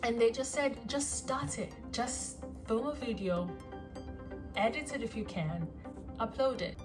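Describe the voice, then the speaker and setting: Speaking a little high over music, a South African woman in her twenties vlogs an introduction of herself on a phone. She's self-conscious and rambling, filling gaps with ums and pauses.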